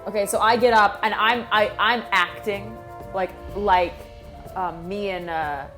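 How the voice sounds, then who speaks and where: A woman's voice: mid-range voice, fairly even intonation, a little slow, music in the background. A woman speaking casually as a player in a tabletop role-playing game, often saying "like". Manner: casual, with filler likes.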